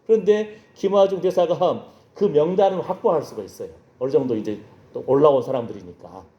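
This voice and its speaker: A male pastor delivers a sermon as a story, acting out each character's lines and turning to his congregation with quick questions. His voice sits a little high but sounds mellow and dark. The recording is dull and lo-fi, with the echo of a large church. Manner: storytelling, acts out voices in dialogue, checks in with the congregation. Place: church sanctuary.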